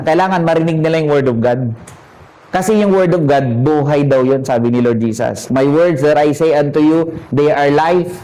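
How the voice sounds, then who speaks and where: A man's voice: on the high side, mellow, poor audio. Conversational preacher man, quizzes the congregation. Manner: conversational, asks the congregation questions; mixes in English while preaching. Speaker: pastor. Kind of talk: sermon.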